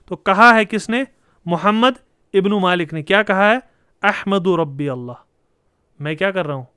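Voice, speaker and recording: A man's voice: sits high, smooth, no echo, clean studio sound. A man giving a classroom lecture on Arabic grammar, explaining step by step and posing rhetorical questions to his students. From Kashmir.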